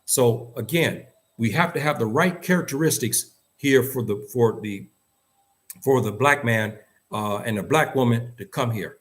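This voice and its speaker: Here an American commentator and host speaks in a mid-range voice, a little slowly. He is unscripted and opinionated, pressing his views with emphasis and repeating phrases to drive them in.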